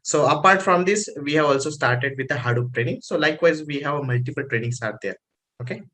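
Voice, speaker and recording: Halting Indian man hosting online training. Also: on the high side, sharp tone. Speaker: host introducing an online training session. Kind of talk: informal online presentation. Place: online conference call.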